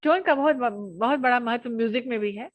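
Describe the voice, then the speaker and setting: A young adult woman giving an online college lecture, lively and often laughing as she acts out examples with her voice. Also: fairly high pitch, a little fast, no room sound, narrow, tinny audio.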